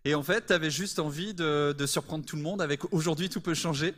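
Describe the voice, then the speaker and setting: A man's voice: fairly high pitch, fairly quick, fairly bright tone. A man hosting a live interview at a church service, introducing and questioning a guest enthusiastically. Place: church service before a congregation.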